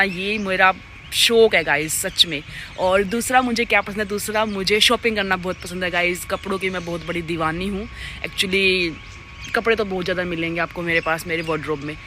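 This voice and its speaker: A young woman vlogging casually at home, chatty and quick, forever calling her viewers "guys". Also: medium pitch, bright, forceful tone, a little hiss or hum. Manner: fast-talking. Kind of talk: casual vlog chat to camera. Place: at home and outside in the street.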